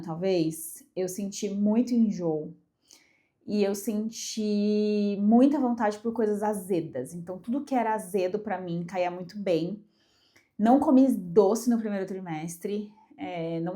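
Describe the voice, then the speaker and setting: With a warm, mid-range voice, a young Brazilian woman vlogs casually and emphatically to camera, chatting about personal matters. She is congested from a cold.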